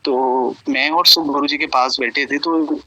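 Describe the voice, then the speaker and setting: A man's voice: medium pitch, steady tone, unhurried, sharp tone, dry recording, lo-fi sound. A man telling devotional stories to a gathering in an earnest, flowing way, often quoting others in Punjabi-tinged speech. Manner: earnest retelling, mixing Punjabi and Hindi quotes. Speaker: satsang speaker sharing devotee stories.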